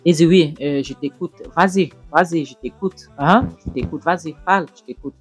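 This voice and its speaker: A man's voice: a little high, normal speed, slightly rough, faint music behind. Brief: a smug, contemptuous husband, drawling mockery, voiced by a male narrator. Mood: mocking. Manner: complaining, mocking.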